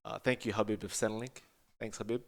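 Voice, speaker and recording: Delivering his rants flatly and at a quick pace, this young Australian gaming podcast co-host, who also casts esports, has a lowish voice. The chat is casual, and he swears bluntly while repeatedly addressing his co-host by name.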